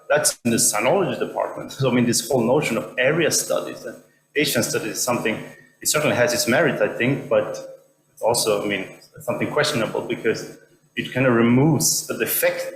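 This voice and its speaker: A man from Sweden in the audience asking a question at an academic lecture, talking haltingly with many restarts. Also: medium pitch, a bit bright. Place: lecture hall. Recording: echoey hall with faint hum.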